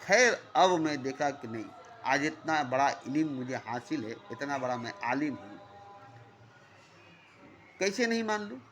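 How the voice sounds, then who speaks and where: Man giving a lively spiritual sermon. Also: mid-range voice, measured pace, long pauses. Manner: repetitive, rhythmic phrasing with rising and falling emphasis. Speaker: spiritual teacher.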